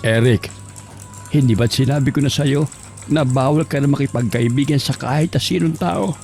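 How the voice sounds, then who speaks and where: A man's voice: mid-range voice, moderate pace, gravelly, darkish tone, faint music behind, close to an everyday voice. A man voicing a stern, distrustful old ghost grandfather who scolds and accuses. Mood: scolding.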